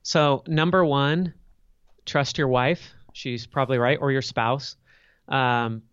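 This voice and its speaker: A man's voice: medium pitch, fairly even intonation, slow pace, fairly bright tone, smooth, no echo, dull audio. Middle-aged male podcast guest; candid, reflective, dry close sound. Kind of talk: candid storytelling interview answers.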